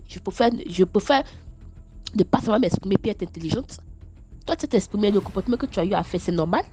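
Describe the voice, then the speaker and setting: A young woman with an Ivorian French accent, speaking in a mellow, darker tone. She stammers and repeats herself as she tells her own story into a phone voice message, animated and scolding, with faint noise behind her. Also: mid-range voice. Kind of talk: casual spoken testimony.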